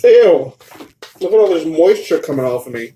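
A man's voice: a little high, lively intonation, quick pace, warm tone, a little hiss or hum. A man co-hosting a casual video, complaining dramatically and half laughing while in pain from a very hot chip. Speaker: co-host. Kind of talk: casual chat.

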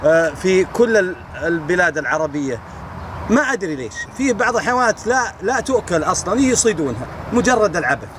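A man's voice: high-pitched, sing-song, fast, background noise. A man filming outdoors near a farm, chatting casually and teasing the animals he finds. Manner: playful, teasing, talks to the animal. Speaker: nature vlogger.

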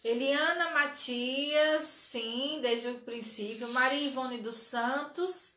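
This high-pitched woman talks slowly, her tone pushed and bright, in a reverberant space with slight background noise. She's in her forties, hosting a live sewing tutorial from a small indoor craft studio with doll-filled shelves, chatting away, welcoming viewers by name and frequently asking "certo?"

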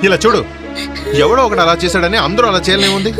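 An actor playing a gentle young male lover in a dubbed film, pleading and soothing. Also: high voice, fast, over loud music, close to an everyday voice. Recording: loud film score underneath.

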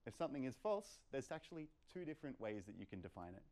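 A young man gives an informal talk as a lecturer at a meetup, indoors in a lecture room, explaining emphatically and posing rhetorical questions. His mid-range voice is sing-song and darkish in tone, and he speaks at a quick pace.

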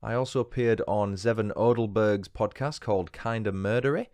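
A man's voice: fairly low pitch, normal speed, darkish tone. A man with a Northern English accent hosting a true crime podcast, reading his script with dry, wry asides. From England. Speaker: podcast host.

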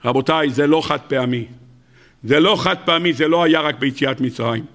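Animated preaching rabbi, gravelly bright voice. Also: male voice. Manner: animated preaching, rising to high emphatic peaks and acting out dialogue. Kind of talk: sermon.

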